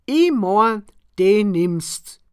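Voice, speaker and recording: A woman's voice: medium pitch, lively intonation, drawn-out words, a little mellow, clean tone, pitched above the performer's own voice. A woman voicing a sly, stubborn farmer of about sixty, speaking blunt and emphatic. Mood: insistent. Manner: crafty, blunt dialect speech, raised and emphatic.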